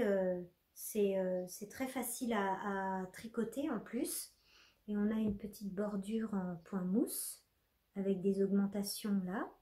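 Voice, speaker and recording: A woman's voice: a little high, a little mellow, reverberant. A young woman talking casually about her knitting projects, chatty and full of little fillers and restarts. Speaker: knitting podcaster. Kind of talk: casual knitting vlog chat.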